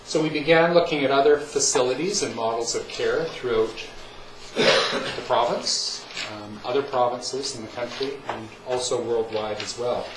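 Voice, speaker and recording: A man giving an earnest, measured prepared speech to a town council, with a few ums. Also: mid-range voice. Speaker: hospital representative addressing council. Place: council chamber. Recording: distant mic in echoey chamber with noise.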